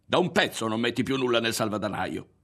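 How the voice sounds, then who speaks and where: A man's voice: mid-range voice, expressive, fairly quick, vocal fry, fairly bright tone, slightly rough, heavily acted. A man reading aloud, voicing a furious middle-aged mother who screams insults at her son breathlessly. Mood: accusing. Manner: shrieking, insulting, breathless with rage.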